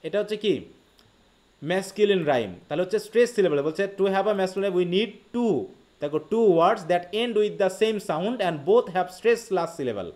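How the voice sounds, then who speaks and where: Fast-talking Bangladeshi male teacher. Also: high-pitched, lively intonation, darkish tone. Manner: quick Bengali explanation, slow read-aloud English quotes, frequent questions to students. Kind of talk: live online literature lecture.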